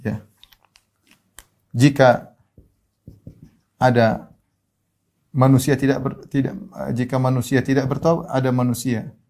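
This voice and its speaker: Sermon voice: Indonesian male preacher, mid-pitched, expressive. He climbs high and loud in stories, sinks low and quiet in pleas, and recites Arabic between plain explanations. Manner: animated, rising high and loud when telling a story, sinking quiet when pleading; recites Arabic hadith then translates.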